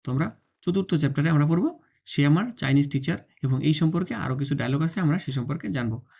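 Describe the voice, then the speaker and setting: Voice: mid-range voice, lively intonation, creaky, warm tone. Mid voice, online mandarin lesson, says each sound over and over, keeps asking if you get it. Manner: drills sounds by slow repetition, often checks understanding; demonstrates tongue and breath on camera. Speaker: Mandarin teacher.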